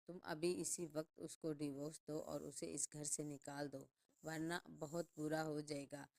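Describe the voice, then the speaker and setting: A woman's voice: low-pitched, level tone, vocal fry, darkish tone. Woman reading as a bitter scheming mother. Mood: scolding. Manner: scolding.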